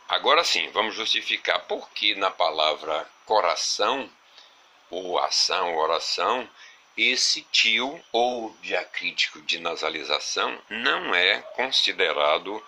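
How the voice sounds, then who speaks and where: Low-voiced, bright teacher. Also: male voice, slight background noise. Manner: slow, explanatory, repeats examples with fillers. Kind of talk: video lesson on grammar.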